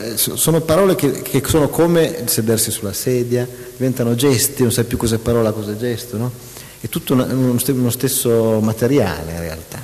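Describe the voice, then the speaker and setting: A man's voice: mid-range voice, mellow. A man, a writer, talking animatedly about writing, often restarting and reading out mock passages. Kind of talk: public talk with an interviewer. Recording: echoey hall reverb.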